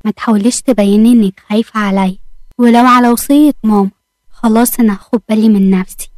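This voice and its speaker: A woman's voice: on the high side, fast talker, dry recording, natural voice. A woman voicing a jealous, hot-tempered young Egyptian man. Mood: cold. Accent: Egyptian Arabic. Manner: accusing, sharp.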